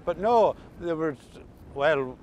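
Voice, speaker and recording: A man's voice: on the high side, lively intonation, slow, a little mellow, lo-fi sound, a little hiss or hum. An older man with an Ulster Scots accent, reminiscing in a casual chat with folksy, dialect-rich storytelling. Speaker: interviewee recalling old country life.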